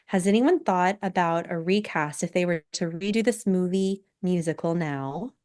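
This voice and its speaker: A woman hosting a casual podcast chat, soft-spoken and laughing often, her voice a little scratchy from being sick. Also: on the low side, normal speed. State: recovering from illness, scratchy voice. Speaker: podcast host.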